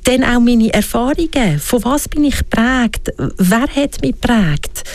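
Speaking a little slowly with a fairly high pitch and lively intonation, a woman from Switzerland reflects aloud as an interview guest. She has a Swiss German accent and frequently poses questions to herself.

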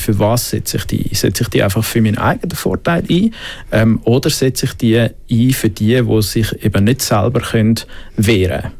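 In a lowish, creaky voice with a darkish tone, a Swiss man discusses the Bible thoughtfully as a guest on a faith panel. He has a Swiss German accent and often restarts and fills gaps with filler sounds.

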